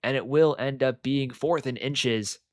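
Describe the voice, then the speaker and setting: A man's voice: medium pitch, unhurried, no room sound, clean studio sound. Young man rambling through game commentary. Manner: excitable, rambling with many fillers. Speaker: play-by-play commentator.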